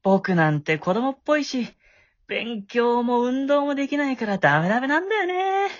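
In an amateur voice drama, a man plays a shy, awkward middle-school boy with a crush, flustered, eager, and prone to stammering. His voice is very high and very animated at normal speed, recorded without echo but with the highs cut off.

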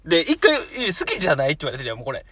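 A young man in his twenties with a Kansai accent, co-hosting a comedy talk show with loud comebacks and frequent laughter. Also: a little high, huge pitch swings, husky, no echo, clean studio sound. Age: 20s. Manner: loud retorts, quick to laugh. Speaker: comedy podcast co-host. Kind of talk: casual comedic banter. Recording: noticeable background noise with clicks.

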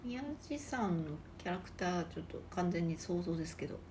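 Female podcast co-host, quick teasing chatter, fast, lively, slightly low voice. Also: a little hiss or hum. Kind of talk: casual chat.

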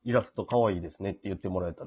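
Fast, husky, lowish Kansai man. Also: dark tone, highs cut off. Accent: Osaka-area Kansai Japanese. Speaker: radio talk show co-host. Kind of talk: casual two-person banter.

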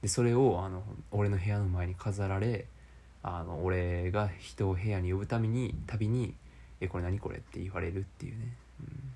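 A young man with a Kansai accent, rambling through a casual, self-mocking solo podcast in a low voice. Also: normal speed, mellow, a little hiss or hum. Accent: Kansai Japanese. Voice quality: low speaking voice.

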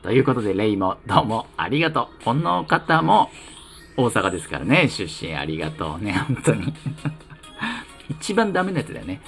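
A man's voice: on the low side, very animated, normal speed, creaky, fairly bright tone, faint music behind. A man from the Kanto region hosting his own solo talk show. He reads listener letters in a chatty, playful, self-mocking way. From Kanto region of Japan. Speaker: solo podcast host reading listener letters. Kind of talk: casual solo radio talk.

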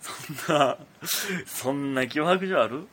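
A young man with a Kansai Japanese accent hosts a casual solo radio talk, his mid-range voice moving at a slow pace. He's a comedian and radio talk host, and he rambles in an animated way, packing his speech with fillers.

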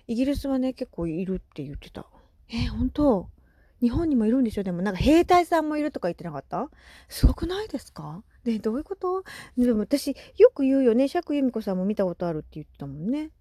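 A woman in her thirties chatting casually on her solo podcast, animated and laughing often, with soft asides. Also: fairly high pitch, fast talker, dry recording, studio quality. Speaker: podcast host.

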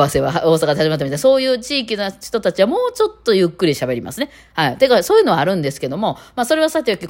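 Kansai-accented woman host, rapid chatty delivery with fillers, lively pitch swings. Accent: Kansai, Kitakawachi dialect. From Kitakawachi area of Osaka, Japan. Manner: rapid rambling talk full of fillers. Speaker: podcast host. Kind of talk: casual solo chat.

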